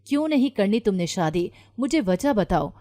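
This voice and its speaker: A woman's voice: medium pitch, very animated, warm tone, close to an everyday voice. A woman narrator voicing a stern, secretive middle-aged mother in a storybook reading, clipped and evasive. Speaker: mother in a read-aloud story.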